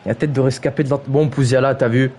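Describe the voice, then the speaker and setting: A man's voice: mid-range voice, steady tone, fast talker, darkish tone, a little hiss or hum. A man commentating a video game football match on a stream, teasing players and reading chat with playful exclamations. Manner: jokey, mocks players' names, reads chat aloud, exclaims "aïe aïe". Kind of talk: playful live play-by-play commentary. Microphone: streaming microphone.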